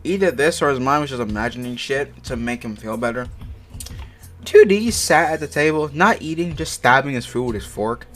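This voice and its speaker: A man's voice: medium pitch, animated, normal speed, a bit bright. A man hosting a comic reading of fan fiction, stumbling over words and breaking into slangy, profane, exasperated asides. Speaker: host reading fan fiction aloud for an online video. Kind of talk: comic dramatic reading with casual side commentary. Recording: music playing behind the voice. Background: music.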